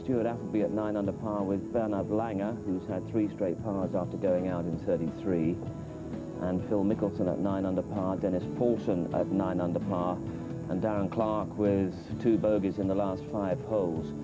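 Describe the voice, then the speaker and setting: A man with a deep voice delivers a golf commentary round-up of the standings. He moves through the list in orderly fashion while prominent music plays loudly behind him. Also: poor audio. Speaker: golf broadcast presenter. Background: loud music.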